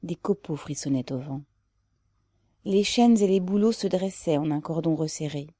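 A woman narrating an audiobook in a measured, even way. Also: low voice, no echo.

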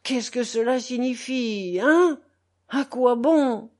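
A woman's voice: on the high side, takes it slowly. A woman voicing a grown man who wails tearfully in self-reproach. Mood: anguished. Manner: wailing, tearful.

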